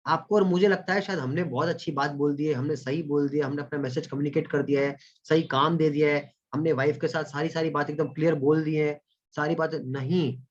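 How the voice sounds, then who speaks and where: A man's voice: a little high, steady tone, quick pace, muffled recording. A man with an Indian accent running an online communication training, mixing Hindi and English and thanking chat participants by name. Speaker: corporate trainer. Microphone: video call.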